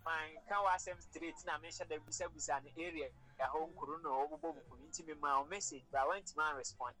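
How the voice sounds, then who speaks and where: Ghanaian man, native Twi, easygoing chat partner with a slightly high voice. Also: steady tone, a little fast, bright, forceful tone, poor audio. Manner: short backchannel replies, calls the other man uncle. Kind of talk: casual chat.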